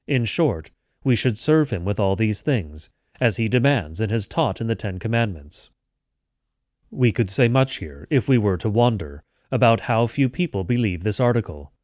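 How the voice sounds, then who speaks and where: A man with a fairly low voice reads scripture and catechism aloud for a daily devotional. He keeps a measured, even delivery, and the recording is close and dry with no room sound. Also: no echo. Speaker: devotional reader. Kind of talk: liturgical scripture reading.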